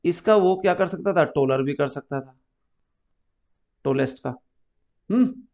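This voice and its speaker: A man's voice: fairly high pitch, a little slow, vocal fry, darkish tone. A man teaching an English grammar lesson to a class, explaining step by step and quizzing his students. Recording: muffled lo-fi recording.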